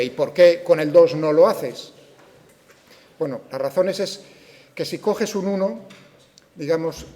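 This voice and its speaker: A man with a Spain Spanish accent lectures a physics class in a slightly high, mellow voice. He raises the objections students might have, answers them, and keeps asking whether everyone follows. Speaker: physics teacher.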